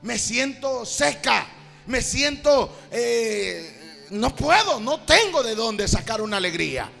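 A man's voice: very high-pitched, sing-song, takes it slowly, vocal fry, a bit bright, exaggerated voice. A preacher voicing a barren woman who laments that she has no joy left. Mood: lamenting. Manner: lamenting, weary. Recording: reverberant hall, faint music.

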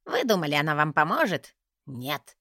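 A woman's voice: sits low, lively intonation, measured pace, fairly bright tone, no echo, studio quality, heavily acted. A woman voicing a fussy, theatrical male mage who grumbles and whines, in an audiobook reading. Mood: theatrical whiny.

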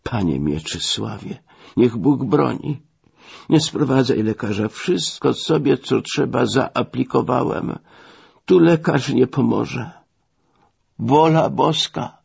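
Guy putting on a sick stubborn old rich gent, pleading and cagey, higher voice, husky. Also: animated, slow, a little mellow, heavily acted. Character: feverish, stubborn wealthy older country gentleman. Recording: dull lo-fi recording.

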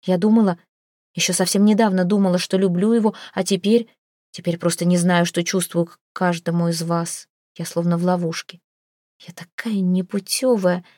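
A woman's voice: on the low side, fairly even intonation, moderate pace, warm tone, no room sound, clean studio sound, natural voice. A woman voicing a young woman who is frantic and tearful, pleading breathlessly between sobs, in a storybook reading.

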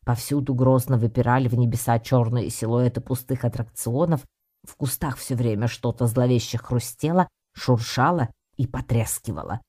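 A man narrating an audiobook with lively first-person storytelling in the voice of a cat. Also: medium pitch, normal speed, breathy edge. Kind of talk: scripted narration.

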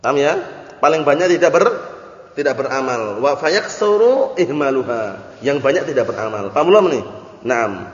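A man's voice: medium pitch, very animated, moderate pace. A male religious teacher giving a grammar lesson, repeating terms, translating them and often asking whether everyone understood. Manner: keeps checking if listeners understood. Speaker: Islamic teacher. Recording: echoey hall, dull lo-fi audio.

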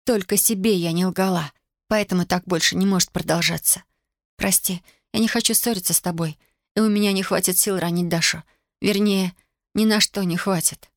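A woman's voice: on the low side, fairly even intonation, normal speed, no echo, studio quality, close to an everyday voice. A woman voicing a seventeen-year-old girl who pleads in a raised, breathless way. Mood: pleading.

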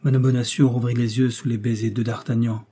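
Dark-voiced male audiobook narrator. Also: medium pitch, flat delivery, brisk, slightly rough. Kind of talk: scripted narration of a novel.

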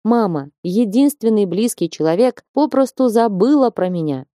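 A woman narrating a first-person fantasy audiobook in a lively, expressive way. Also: mid-range voice, moderate pace, dry recording, studio quality. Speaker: audiobook reader.

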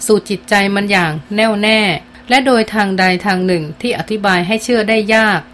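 Woman narrating a novel, measured delivery. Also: mid-range voice, fairly bright tone, slight background noise. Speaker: audiobook narrator. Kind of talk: scripted narration.

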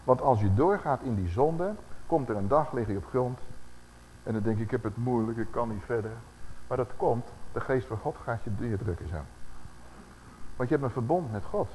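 A man preaching a sermon, acting out the voices he quotes and slowing down for scripture. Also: medium pitch, expressive, a little mellow, big-room sound, a little hiss or hum, rough recording.

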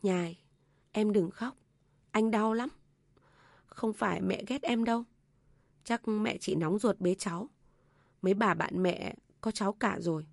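A woman's voice: medium pitch, a little slow, vocal fry, pauses often, a little mellow, no room sound, studio quality. A woman voicing a young husband torn between his mother and his wife, speaking with restraint. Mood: tender. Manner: restrained, then raising his voice.

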